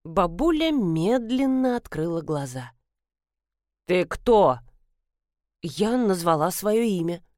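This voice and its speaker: Slow, lively-toned woman reading an audiobook. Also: lowish voice, no room sound, clean studio sound. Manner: wry first-person storytelling. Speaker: audiobook narrator. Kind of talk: scripted audiobook narration.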